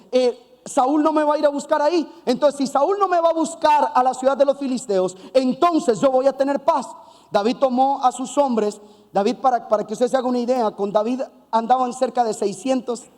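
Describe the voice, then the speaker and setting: A man preaching a sermon, telling a Bible story with lively asides and acted-out voices. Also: very high voice, long reverb tail. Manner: animated storytelling with playful asides; acts out voices of biblical figures.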